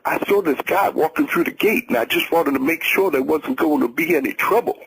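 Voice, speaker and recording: A man's voice: a little high, a little fast, vocal fry, background noise. A male audiobook reader voicing an anxious man who pleads with his friend, his voice cracking. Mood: wary.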